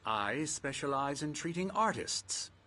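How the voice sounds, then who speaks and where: Condescending psychiatrist, animated delivery. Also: male voice, on the high side, a little slow, full character voice. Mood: patronising, genial. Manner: patronising, falsely soothing. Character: smooth, condescending, controlling male psychiatrist running a clinic. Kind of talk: dramatic video game dialogue. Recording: music playing behind.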